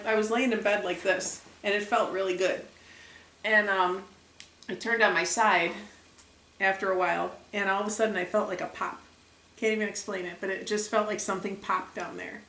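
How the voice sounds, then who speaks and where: A young woman vlogger chatting casually to the camera, retelling events with lively acted quotes. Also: mid-range voice, recorded from a distance. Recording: echoey room, a bit off mic.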